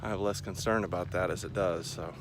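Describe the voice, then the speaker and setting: Male, 40s, low voice, casual rambling vlogger pacing outside, with ambient noise behind him. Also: fairly even intonation, a little fast. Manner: rambling, self-deprecating, talking while pacing around. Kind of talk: casual running vlog chat to camera. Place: outdoors in a park by a lake. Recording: clear outdoor ambient noise.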